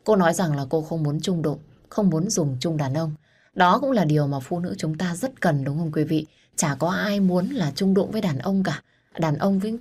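Low-voiced woman story narrator. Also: darkish tone, husky. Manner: intimate, earnest, addresses listeners directly. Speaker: storyteller host.

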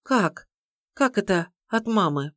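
A woman reading an audiobook, voicing a gentle, anxious young pregnant woman who pleads tearfully. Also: mid-range voice, expressive, slow, no room sound, studio quality, pitched above the performer's own voice. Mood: anxious pleading.

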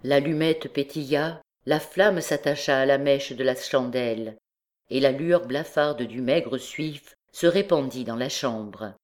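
A woman narrating a classic novel as an audiobook, with measured, expressive storytelling. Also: extremely low pitch.

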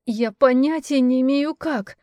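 A woman's voice: high voice, unhurried, mellow, no echo, studio quality, voice pushed up. A woman reading an audiobook, voicing a frightened young woman mage who speaks anxiously and pleadingly.

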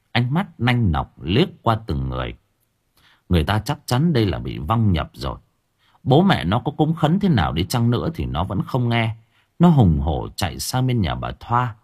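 Male audiobook narrator for a ghost story, low husky voice, very animated intonation. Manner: expressive storytelling reading. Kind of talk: dramatic horror story narration.

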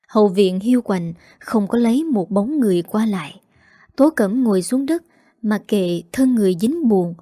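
A woman narrates a drama recap in a steady, dramatic storytelling way. Her voice is mellow and dark, recorded dry and close. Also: mid-range voice, no room sound.

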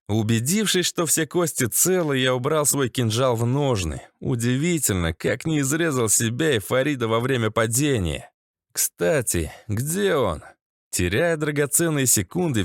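A man narrating an audiobook in the first person, in a lively, coarse-spoken way. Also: medium pitch, no room sound, studio quality.

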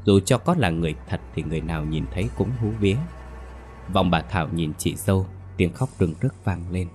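A man narrating a ghost story in a steady, grave manner. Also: sits low, a little fast. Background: faint music.

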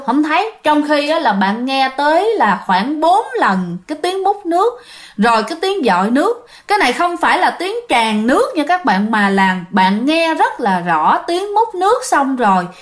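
A woman telling a ghost story in a chatty way, often speaking straight to her listeners. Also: a little high. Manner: chatty, addresses listeners directly. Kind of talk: casual ghost story narration.

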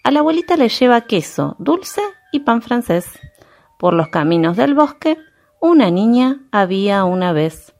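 A woman's voice: fairly high pitch, very animated, measured pace, a little mellow. A woman reading a rhyming children's poem in a rhythmic, sing-song way. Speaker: reader.

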